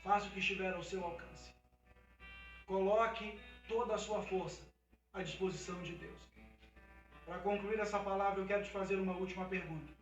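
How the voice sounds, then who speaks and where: A man's voice: sits high, steady tone, moderate pace, roomy sound, recorded from a distance, faint music behind, poor audio. A man with a Brazilian Portuguese accent preaching an emphatic sermon as a pastor at a livestreamed church service. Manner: emphatic preaching that builds to a fervent, loud climax.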